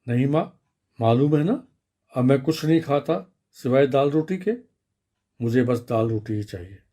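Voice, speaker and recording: A man voicing a fussy little schoolboy in a children's radio story, talking in an excited, childlike way with his pitch jumping up. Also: moderate pace, lightly acted. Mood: stubborn. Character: fussy little schoolboy who wants one food.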